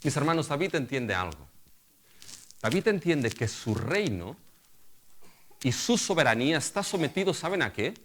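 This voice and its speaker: Man, middle-aged, pastor, sermon, rhetorical questions, slightly high voice, very animated pitch. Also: moderate pace, pauses often, a little hiss or hum. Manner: asks the congregation rhetorical questions, repeatedly addresses them as brothers.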